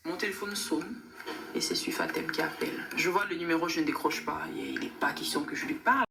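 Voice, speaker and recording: A woman with a gravelly voice speaks firmly in a reality show confessional. The sound is echoey, with clear background noise around her. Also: sits low, sing-song, brisk. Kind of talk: confessional interview.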